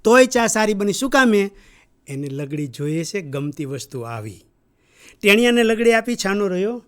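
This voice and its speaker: Man, high voice, training lecture, storytelling, rhetorical questions. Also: big pitch swings, moderate pace, smooth. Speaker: agriculture trainer. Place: training hall.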